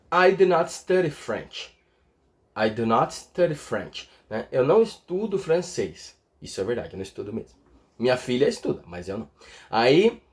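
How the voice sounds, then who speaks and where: A man teaching an English lesson in a patient, explanatory way. He checks in with his listeners after almost every point and slows down to spell out each example. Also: fairly high pitch. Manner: patient, tags lines with "tá?" and "né?".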